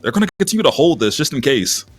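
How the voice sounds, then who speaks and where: Male esports caster, husky and highly animated, casual live play-by-play over music. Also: quick pace. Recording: music behind the voice.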